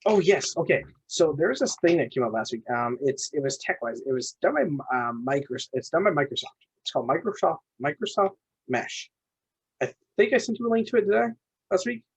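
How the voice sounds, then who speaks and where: Fast-talking husky man, lo-fi sound. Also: on the high side, sing-song. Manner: rambling, eager, restarts a lot. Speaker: podcast co-host. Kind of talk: casual chat. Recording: dull lo-fi recording.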